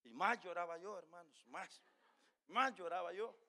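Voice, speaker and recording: A middle-aged male pastor preaching a sermon, telling a personal story with emotion, dropping quiet and then rising loud. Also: sits high, normal speed.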